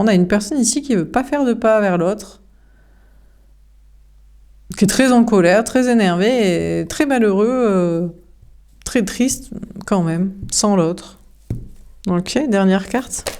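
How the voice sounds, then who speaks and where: A woman's voice: mid-range voice, darkish tone. A young woman giving a casual tarot reading, frank and chatty, with many fillers. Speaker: tarot card reader.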